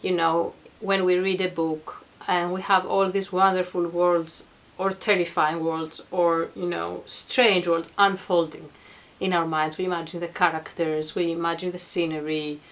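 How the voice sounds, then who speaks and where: A woman's voice: fairly low pitch, little pitch movement, measured pace, hardly any pauses. A middle-aged woman giving an informal explanatory talk to camera in a reflective, earnest, conversational manner. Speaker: vlogger. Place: attic at home.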